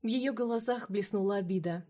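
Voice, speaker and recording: A woman reads a gothic novel aloud in an even, measured voice. Her pitch sits in the middle, plain and steady. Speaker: audiobook narrator. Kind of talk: scripted narration.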